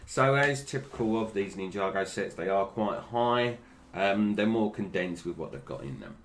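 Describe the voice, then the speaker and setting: Male, British accent, low-pitched, toothless slightly slurred speech, casual off-the-cuff review host. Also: animated, normal speed, a little hiss or hum. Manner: toothless, slightly slurred articulation with stumbles over names. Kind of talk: casual unscripted product commentary.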